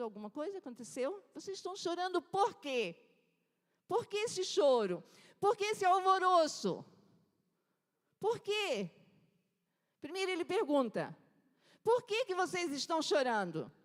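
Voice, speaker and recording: A woman pastor preaching a sermon to her congregation, calling out to them and swinging between soft and loud emphasis. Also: high-pitched, long reverb tail. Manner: preaching with rising and falling emphasis, addressing the congregation. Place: church.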